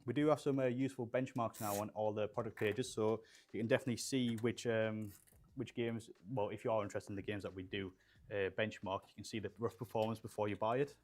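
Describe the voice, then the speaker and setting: A chatty young adult streamer, from Poland and brought up in England, builds gaming PCs in a small studio room with shelves. His lowish, slightly mellow voice stays fairly even and moves fast as he rambles with fillers and reads chat out loud.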